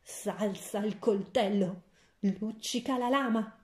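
Woman doing a scared little girl begging, slow, echoey. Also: mid-range voice, a little mellow, lightly acted. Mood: pleading. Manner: pleading. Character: frightened pleading young girl.

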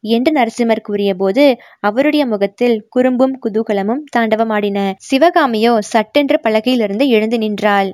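A woman's voice: a little high, moderate pace, a little mellow, dry recording, studio quality. Woman narrating a historical audiobook.

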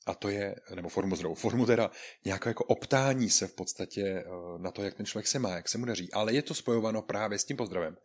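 A man teaching an online Spanish lesson to beginners, explaining patiently, repeating phrases, and acting out greetings in a raised, lively voice. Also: lowish voice. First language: Czech.

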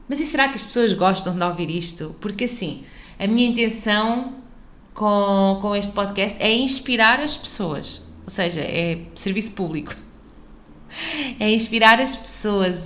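A woman's voice: mid-range voice, fairly bright tone. A young adult woman with a European Portuguese accent, hosting a casual solo podcast in a chatty, digressive way. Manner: chatty and digressive, with frequent restarts. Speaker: podcast host.

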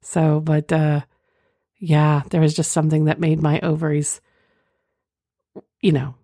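A woman's voice: low-pitched, flat delivery, measured pace, warm tone, no echo, studio quality. A woman hosting a podcast, talking in a candid, flirtatious way, moving between reading aloud and casual chat. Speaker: podcast host. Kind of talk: reading listener's story, then casual chat.

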